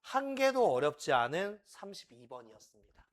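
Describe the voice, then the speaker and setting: Animated guy teaching english exam prep, highish voice, lots of up and down, acts out little dialogues. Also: moderate pace. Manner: repeats key points, addresses students directly.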